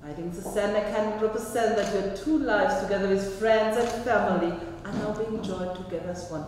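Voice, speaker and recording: A woman's voice: mid-range voice, a little fast, darkish tone. A woman officiating a wedding in a small chapel, speaking formally and leading the vows line by line. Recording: echoey chapel reverb, faint noise.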